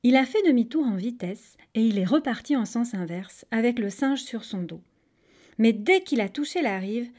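A woman narrating a children's tale expressively, speaking straight to her listeners. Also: on the high side. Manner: expressive, addresses listeners directly. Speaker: storyteller.

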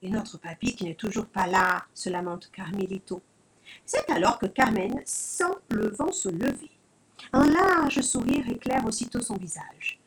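A woman storyteller reading a children's story aloud with expressive, dramatic narration. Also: fairly low pitch, measured pace, gravelly, low-quality recording. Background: soft music.

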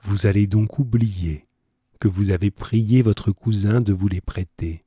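A man voicing a calm, authoritative doctor who gives measured commands, read aloud from a classic story. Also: fairly low pitch, slightly rough, no room sound, clean studio sound. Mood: commanding.

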